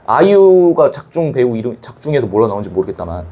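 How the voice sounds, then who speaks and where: A man's voice: medium pitch, fast talker, muffled recording. A man teaching a Korean language class in a casual, chatty way, talking to students in the room. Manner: animated, chatty, acts out scenes, blunt slang.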